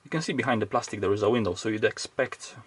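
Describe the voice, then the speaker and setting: A likely middle-aged video creator thinks aloud through an unscripted, hands-on electronics teardown at his home workbench, casual and hesitant, tending to ramble. His fairly low, slightly rough voice comes out fast. In the background there's faint noise and clicking.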